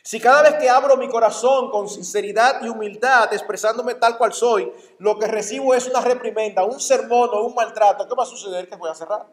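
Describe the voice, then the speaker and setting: High-voiced preaching man in an echoey church. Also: brisk, hardly any pauses. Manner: conversational preaching, acting out dialogues. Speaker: pastor. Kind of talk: conference sermon. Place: church sanctuary.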